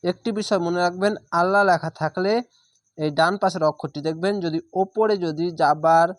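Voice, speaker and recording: A man teaching how to read scripture, spelling it out syllable by syllable in a patient, drawn-out way and repeating the rules. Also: high voice, fairly even intonation, no room sound, clean studio sound. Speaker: Quran reading teacher. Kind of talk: spelling-out recitation lesson.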